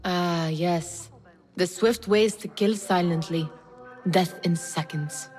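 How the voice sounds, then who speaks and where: Curious, teasing adventurer, lowish voice. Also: female voice, takes it slowly, darkish tone, soft background music. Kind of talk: video game dialogue acting.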